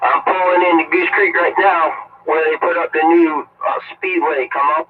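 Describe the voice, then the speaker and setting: A man's voice: fairly high pitch, fairly even intonation, moderate pace. A man, calling in over a CB radio from his vehicle. He chats in a laid-back, crude and joking way, full of CB lingo. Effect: heard over a CB radio. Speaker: CB radio caller. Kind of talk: casual CB radio chatter. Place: driving in a vehicle. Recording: tinny, crackly CB radio from a distance.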